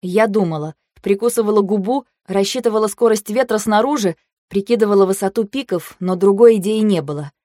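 A woman narrating a fantasy audiobook in the first person, in an expressive, vivid way. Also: medium pitch, fairly quick, no echo, studio quality.

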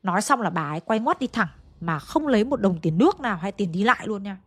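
A woman's voice: mid-range voice, big pitch swings, quick pace, a bit bright, breathy edge. A woman narrating a ghost story in a chatty way, speaking straight to her listeners. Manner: chatty, addresses listeners directly.

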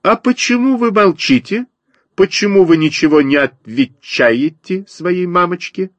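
A man voicing a fat, bossy female sparrow in a storybook reading, chattering and scolding in a shrill voice. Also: a little slow, a bit bright, no room sound, highs cut off. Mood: coaxing. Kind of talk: audiobook character voice.

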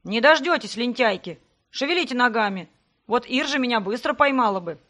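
Woman doing a cheeky young man, loud, teasing, slightly raised voice, storybook. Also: on the high side, a little fast. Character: playful young man, the narrator's brother.

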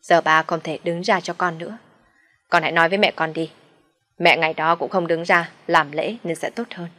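A woman voicing a stern elderly man who heads the family, speaking slowly and measured. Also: fairly low pitch, fairly even intonation, fairly bright tone, lightly acted. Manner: slow, measured.

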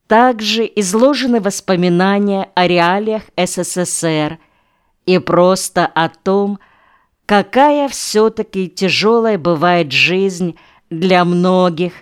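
A woman reads an audiobook aloud, taking her time over each phrase and pausing between them. Her voice sits a little low and sounds clean and even. The delivery stays calm and measured throughout. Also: clean tone. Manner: unhurried, measured reading with pauses between phrases. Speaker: audiobook reader. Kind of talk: audiobook narration.

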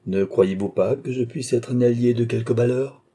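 A man voicing a calm, dry, scheming English baronet in an audiobook reading. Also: mid-range voice, moderate pace, pitched above the performer's own voice, close to an everyday voice. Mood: sardonic.

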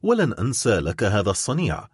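A dignified shipowner near ruin, his voice quavering as he fights to keep it steady, as a male reader puts him on. The delivery is husky and rises and falls a lot. It sounds close and dry. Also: fairly low pitch, fast talker, no room sound, exaggerated voice. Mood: grave. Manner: trembling voice held steady.

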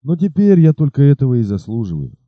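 A man voicing a fierce bearded robber chief in an audiobook, with a gruff, raised delivery. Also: medium pitch, sing-song, quick pace, dry recording, narrow, tinny audio, close to an everyday voice. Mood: pleading.

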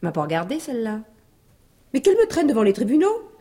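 A woman's voice: fairly high pitch, huge pitch swings, fast talker, mellow, husky, exaggerated voice. An actress playing a brash, slangy courtesan who mocks everyone around her, in a 1980s radio drama. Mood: scornful. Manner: slangy, cackling, mocking. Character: brash mocking woman, a kept courtesan queen of Paris.

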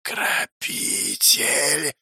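A man voicing a towering vengeful male undead ghost, speaking in slow, broken, whispery rasping phrases. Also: on the high side, bright, forceful tone, no room sound, studio quality, voice pushed up, full character voice. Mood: furious. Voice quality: slow eerie whispery rasp.

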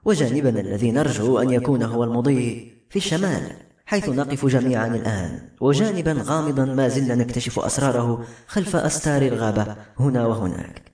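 A man reading the lines of a gentle, motherly queen in a soft voice with a slight tremble, calm and measured. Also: mid-range voice, natural voice. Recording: roomy echo with soft music.

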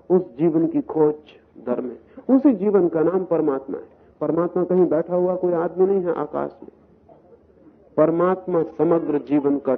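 A man giving a slow, deliberate spiritual discourse, building his points through parables, repetition and rhetorical questions. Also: a little high, slightly rough. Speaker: spiritual speaker. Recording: tinny, narrow-band, lo-fi recording.

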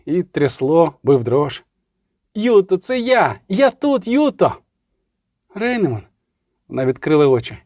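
A man's voice: a little high, darkish tone, no echo, clean studio sound. A man narrating a fantasy novel as an audiobook, telling it dramatically and shifting his voice for the characters.

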